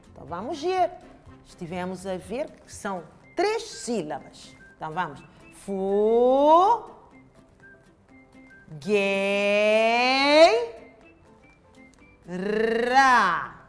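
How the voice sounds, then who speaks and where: A woman with a European Portuguese accent teaching young children in a home-learning lesson, stretching out syllables with exaggerated emphasis. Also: on the high side. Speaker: primary school teacher.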